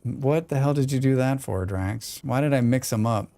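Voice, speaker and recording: On his game stream, a man with a plain American accent rambles and answers his chat in casual conversation. His mid-range voice is gravelly and dark, moving at a moderate pace, on a dry recording.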